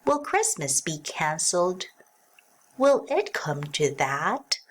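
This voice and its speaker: Lady doing old jolly santa for a kids story, very expressive, slow and exclaiming. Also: lowish voice, husky, heavily acted. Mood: worried, resolute.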